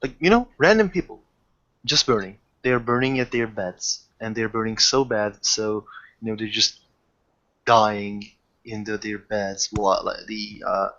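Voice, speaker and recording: Speaking a little slowly, a man with a fairly low, fairly bright voice joins an improvised tabletop roleplaying chat. His talk is fragmented and frequently rephrased mid-sentence, captured on a dull lo-fi recording with clicks.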